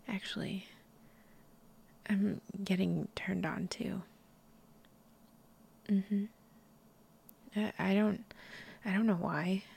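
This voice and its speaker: A young woman speaks right up against the microphone in a soft, husky whisper with a gravelly edge. Her delivery is slow and unhurried, and her tone sits dark and mellow. She talks shyly and haltingly, and she giggles often. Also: medium pitch. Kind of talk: intimate whispered audio roleplay. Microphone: close microphone.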